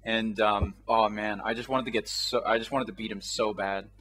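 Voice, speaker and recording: A man's voice: lowish voice, steady tone, moderate pace, fairly bright tone, husky, low-quality recording. A man interviewing a guest in a laid-back, chatty way, with plenty of fillers. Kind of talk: casual interview.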